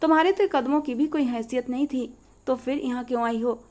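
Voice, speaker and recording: A woman's voice: sits high, brisk, a little mellow, close to an everyday voice. A woman voicing a haughty, scornful mansion woman. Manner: scornful, venomous.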